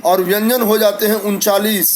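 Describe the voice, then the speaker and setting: A man's voice: sits high, little pitch movement, normal speed, slight background noise, poor audio. A man teaching a lesson to school students, patiently reciting letters one by one and speaking to his pupils kindly. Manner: addresses pupils warmly, sends blessings.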